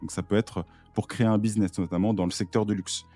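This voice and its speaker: A man's voice: fairly low pitch, fairly even intonation, quick pace, warm tone, soft background music. A man talking in a casual podcast conversation, eagerly explaining with frequent fillers and restarts. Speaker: podcast guest, AI trainer.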